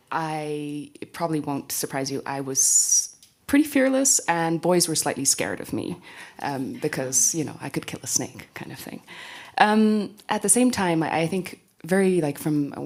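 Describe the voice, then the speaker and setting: A woman's voice: low voice, expressive, a little slow, darkish tone. A woman who grew up in Tanzania, speaking earnestly and conversationally on a panel. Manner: earnest, conversational, frequent "right?". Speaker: panelist, company founder. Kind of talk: panel discussion.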